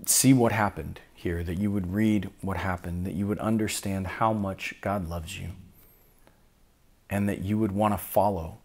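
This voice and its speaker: A man preaching a solemn sermon as pastor, slow and deliberate, with long pauses between phrases. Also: sits low.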